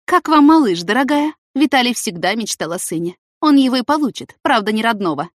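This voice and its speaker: A scorned young woman doctor, as a woman narrator puts her on, full of jealous spite, talking in sneering, sarcastic jabs. Her voice sits high above the reader's own and comes out loud and sharp. The audiobook recording is dry and close. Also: big pitch swings, a little fast, dry recording. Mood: bitter sarcastic. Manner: bitter, sarcastic, hissing through teeth.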